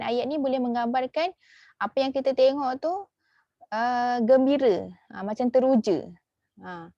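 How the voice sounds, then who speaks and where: A woman with a Malaysian Malay accent teaching a lesson, filling her talk with "okey" and "ha" and repeating key words slowly. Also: on the high side, warm tone, no room sound, dull audio. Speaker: religious school teacher. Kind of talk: online class lesson.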